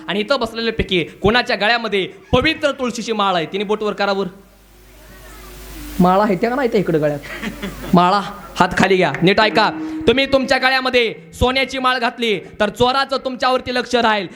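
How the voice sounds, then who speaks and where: A man's voice: extremely high pitch, bright, forceful tone. A man preaching a comic devotional kirtan, calling out to the crowd to answer him back. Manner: calls out to the crowd for responses. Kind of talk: comic devotional sermon with singing.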